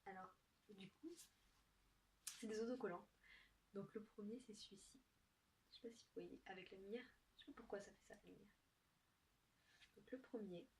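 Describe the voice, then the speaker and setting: A young woman talks casually to her viewers while opening presents. She is soft-spoken and giggles often, musing aloud as she goes. Her voice sits at a middle pitch and sounds a little distant, with faint noise in the background. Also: normal speed, long pauses. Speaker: vlogger opening gifts. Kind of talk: casual unboxing chat to camera.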